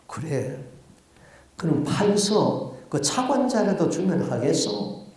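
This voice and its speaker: A man voicing an old Korean king in disguise who speaks low, hushed and unhurried, in a very echoey church hall. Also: big pitch swings. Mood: amused, probing.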